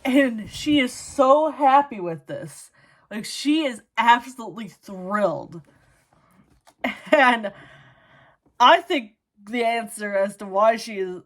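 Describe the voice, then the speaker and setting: Book vlogger, female, Minnesotan accent, slightly high voice, slow and chatty. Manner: chatty, laughing, full of "like" and "you know". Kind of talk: casual book review chat.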